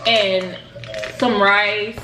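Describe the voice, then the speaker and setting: A woman hosting a casual mukbang vlog, chatting in a relaxed, slangy way. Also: mid-range voice, drawn-out words, reverberant, a little hiss or hum, poor audio. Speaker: vlogger host.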